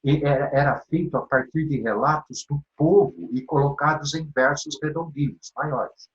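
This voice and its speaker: A man's voice: a little high, normal speed, lo-fi sound. A man with a Brazilian Portuguese accent teaching a literature lesson for exam prep. He asks himself questions and answers them, checks in with the class, and counts poetic syllables aloud. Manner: animated, asks and answers his own questions, checks in with "tá bem?".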